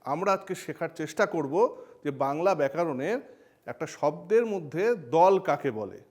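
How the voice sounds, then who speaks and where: A man with a Bengali accent explains grammar in a bright, high voice. He teaches in a playful way, tossing questions straight at his students as he goes. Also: lively intonation, normal speed. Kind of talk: educational explainer lesson.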